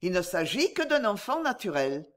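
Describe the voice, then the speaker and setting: A woman voicing a cool, calculating male agent in an audiobook, who sounds smooth and reassuring. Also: medium pitch, sing-song, normal speed, lightly acted. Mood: calm scheming. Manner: smooth, reassuring, coolly persuasive.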